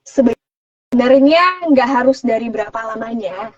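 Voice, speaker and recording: A woman's voice: fairly high pitch, expressive, unhurried, dry recording, distant mic, dull audio. A woman who works as a voice-over artist, explaining her craft in casual chat and using plenty of examples.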